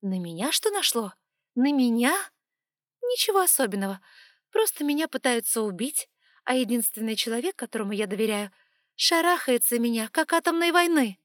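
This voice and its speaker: A defiant young woman heroine cries out in high, shrill, loud bursts, as the narrator puts her on. Tears hang at the edge of the voice, recorded dry and close for an audiobook. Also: very animated, moderate pace, no room sound. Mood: angry. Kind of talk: audiobook character voice.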